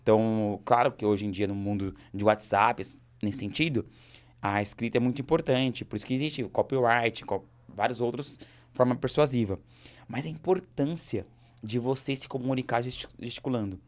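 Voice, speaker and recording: A man's voice: medium pitch, normal speed. A Brazilian man hosting a talk show, speaking energetically about entrepreneurship and acting out little scenes as he goes. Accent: Brazilian Portuguese. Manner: energetic, gesturing, acts out quoted dialogue. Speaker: host.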